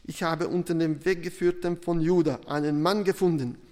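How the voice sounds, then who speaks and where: A man preaching a sermon and reading scripture, deliberate and emphatic, with pauses between phrases. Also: on the high side, fairly even intonation, a little mellow, long reverb tail.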